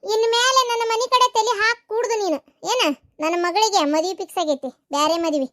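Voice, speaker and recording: A woman's voice: very high voice, brisk, no room sound, clean studio sound. A woman voicing a fierce, protective middle-aged village mother in a cartoon, scolding sharply in a North Karnataka Kannada accent. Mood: angry. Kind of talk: cartoon voice acting.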